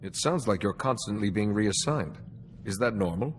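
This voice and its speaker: An actor playing a calm, wise and dutiful Jedi in a video game, speaking formally and with measured care. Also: male voice, fairly low pitch, slight background noise, close to an everyday voice. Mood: composed, polite. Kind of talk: video game cutscene dialogue.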